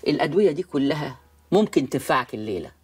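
A woman's voice: sits low, animated, fast, a little mellow, breathy edge. An actress playing a stern, commanding old grandmother in a film comedy. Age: older. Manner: commanding, scolding.

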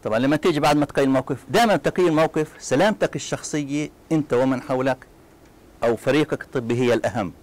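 Man, Palestinian Arabic accent, university lecturer, rapid delivery, lively classroom asides. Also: mid-range voice. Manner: lively, talks to students with quick asides and mock scenes.

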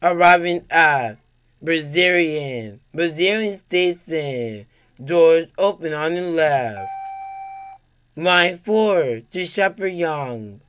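A man making recorded train station announcements, calling out stops in a measured, evenly spaced way. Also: a little high, expressive, a bit bright, slight background noise. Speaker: transit announcer.

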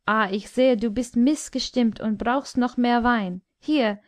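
A woman voicing a cruel, boisterous male king in an audiobook, loud, mocking and bullying. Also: fairly high pitch, unhurried, no room sound, lightly acted. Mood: angry. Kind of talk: audiobook character voice.

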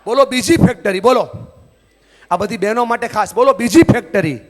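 A man delivers a live motivational talk. His fairly high voice presses the crowd to answer and repeat his lines aloud. His voice rings with the long reverb of a large hall. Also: brisk. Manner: call-and-response, repeatedly asks the crowd yes or no; commanding, has the audience repeat lines aloud. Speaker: motivational speaker.

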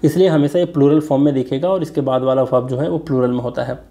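A man's voice: mid-range voice, fairly even intonation, warm tone. A man teaching an exam-prep English grammar lesson, explaining step by step and often checking with rhetorical questions. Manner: reads example sentences slowly.

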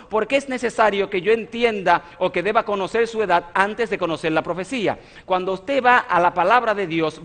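Man, 30s, pastor, sermon, emphatic, asks and answers questions, high-pitched, long hall reverb. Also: fairly bright tone. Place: large church hall with a stage and audience. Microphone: stage mic at a lectern, filmed by broadcast cameras.

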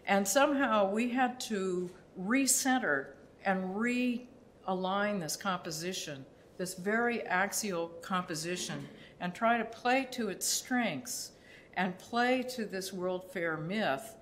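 An older woman, an architect, presenting her work in a public lecture with a reflective, halting delivery full of pauses. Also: medium pitch, a little hiss or hum. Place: dim lecture hall, seated at a table on stage.

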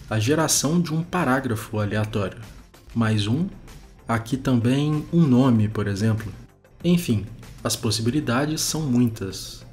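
A man hosting a web development show, giving steady scripted narration over a screencast of tools. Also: mid-range voice. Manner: steady, explanatory, informative.

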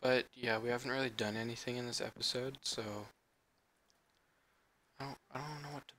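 A man's voice: medium pitch, fairly even intonation, normal speed, bright, forceful tone. A teenage boy from Canada, rambling tiredly through casual let's play commentary as the channel host. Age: teens. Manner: rambling, chatty, tired and yawning. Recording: home mic with clear background noise.

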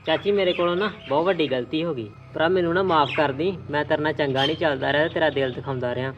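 A man's voice: fairly high pitch, quick pace, lo-fi sound, a little hiss or hum, close to an everyday voice. A man playing a neglectful young husband in an amateur family drama, curt and dismissive. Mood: apologetic. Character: neglectful young husband who later repents. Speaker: son and husband; channel host.

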